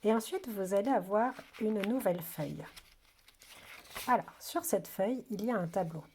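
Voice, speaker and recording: A woman teaching a phonics lesson to young children, saying each word slowly twice in an exaggerated way, patient and clear. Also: mid-range voice, darkish tone, a little hiss or hum. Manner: slow, exaggerated word pronunciation. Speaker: kindergarten teacher.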